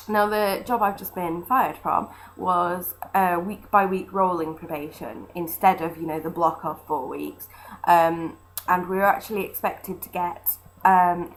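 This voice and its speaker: A woman's voice: fairly low pitch, measured pace, low-quality recording. A British woman talking informally about her own experiences in a chatty, conversational way, thinking aloud as she goes. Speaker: former street fundraiser. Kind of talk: casual informal monologue about personal work experience. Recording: noticeable background noise.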